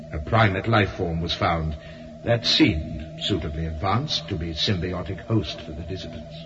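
A solemn alien spirit council. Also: male voice, low-pitched, highs cut off. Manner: grave, measured, declamatory. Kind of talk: radio drama acting.

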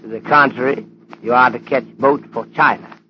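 Philosophical Chinese detective, played by a man: ornate, measured phrasing, mid-pitched, muffled old radio-play recording. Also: fairly even intonation, a little hiss or hum, natural voice. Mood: chiding. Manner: formal, deliberate, ornate speech dropping articles. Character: courteous, stern, philosophical Chinese police detective. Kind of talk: old radio drama acting.

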